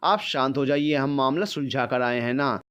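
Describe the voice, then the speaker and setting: A man's voice: medium pitch, normal speed, fairly bright tone, clean tone, natural voice. A man voicing a young wife who scolds and teases her husband. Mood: scolding. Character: young wife, sharp-tongued and teasing.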